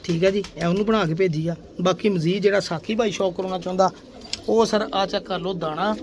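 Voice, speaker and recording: A man's voice: high-pitched, fairly even intonation, quick pace, a little hiss or hum. A man talks casually to viewers while showing his pigeons, chatty and boastful, calling them brother and sir. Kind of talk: casual vlog talk to viewers. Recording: faint pigeon coos and outdoor ambience. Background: pigeons cooing.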